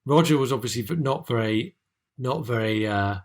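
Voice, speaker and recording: A man's voice: mid-range voice, expressive, moderate pace. A man from England co-hosting a podcast, speaking hesitantly and repeating words as he talks. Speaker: podcast co-host. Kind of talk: casual chat.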